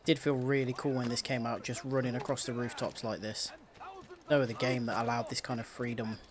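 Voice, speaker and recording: A man's voice: medium pitch, little pitch movement, a little fast, background noise. A man giving casual, off-the-cuff commentary as he plays a game live. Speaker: let's play streamer.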